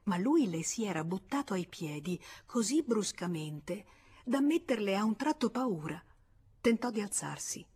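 Husky-voiced woman reading a novel. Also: mid-range voice, animated, unhurried, darkish tone. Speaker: audiobook reader. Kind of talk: literary narration.

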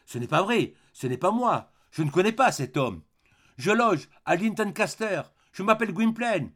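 A man's voice: sits high, animated, moderate pace, fairly bright tone, pitched above the performer's own voice, heavily acted. A man reading the part of a frightened young male street performer who protests in a stammering panic. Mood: panicked.

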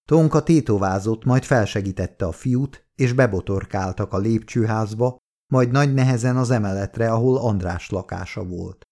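A man reading an audiobook in a steady, measured scripted narration. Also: fairly low pitch.

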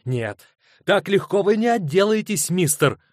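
A man reading an audiobook voices a shrill, melodramatic middle-aged woman who shrieks her accusations. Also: lively intonation, moderate pace, dry recording, studio quality. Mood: shrieking.

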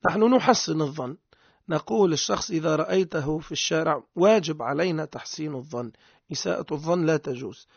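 A man's voice: on the high side, quick pace, gravelly, breathy edge, no echo, highs cut off. A man with a Tunisian accent giving a religious lesson, explaining points by asking and answering his own questions. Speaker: religious teacher.

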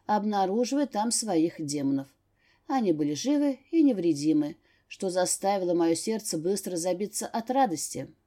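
A woman narrating a first-person fantasy novel as an audiobook, in a measured, expressive reading. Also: medium pitch.

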